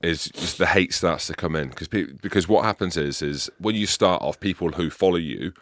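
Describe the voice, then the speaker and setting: Very deep-voiced English man hosting. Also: normal speed, dry recording, studio quality. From England. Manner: animated, chatty, leads the questions. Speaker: podcast host. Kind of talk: casual podcast chat.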